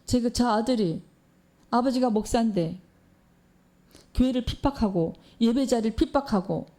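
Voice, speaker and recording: A woman's voice: a little high, moderate pace, dark tone. A woman preacher giving a sermon in a church, telling a story and posing questions to the congregation.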